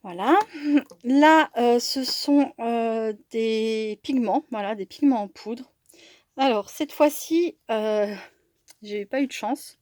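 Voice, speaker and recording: A woman's voice: fairly high pitch, slow pace, a little mellow, dry recording. A woman chatting casually through a craft supply haul, hesitant, with many fillers and restarts. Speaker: crafting vlogger. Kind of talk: casual product haul chat.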